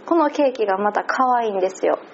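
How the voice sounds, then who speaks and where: A woman's voice: medium pitch, animated, fast, slight background noise. A woman with a Kansai accent chatting casually and laughing often as she recaps an event. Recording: slightly muffled lo-fi audio.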